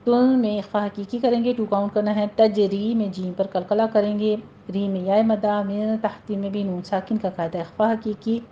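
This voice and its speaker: Woman, patient recitation teacher with a mellow voice, slow drawn-out examples, dull lo-fi sound. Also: mid-range voice, fairly even intonation, a little hiss or hum. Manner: patient, explains rules step by step, then recites words slowly and drawn out.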